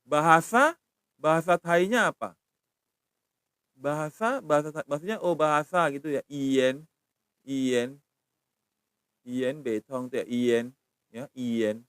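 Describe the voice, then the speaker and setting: Middle-aged guy teaching on a live stream, slightly high voice, dry close phone mic, repeats words slowly and patiently. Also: fairly bright tone, clean tone, no room sound. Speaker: language teacher. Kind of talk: live-stream language lesson.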